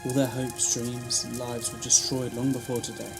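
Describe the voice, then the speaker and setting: A man as the Doctor, mid-pitched, reflective, over music. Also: flat delivery, creaky, natural voice. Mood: reflective, grave. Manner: measured, theatrical, philosophical. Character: the Doctor, philosophical alien time traveller, reflective. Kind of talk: audio drama acting.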